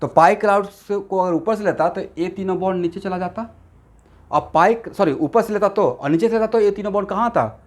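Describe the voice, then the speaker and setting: Male tutor, slightly high voice, classroom lecture, quizzes students. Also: brisk. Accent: Assamese-influenced Hindi. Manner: mixes Hindi with English terms, asks class questions constantly. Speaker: chemistry teacher.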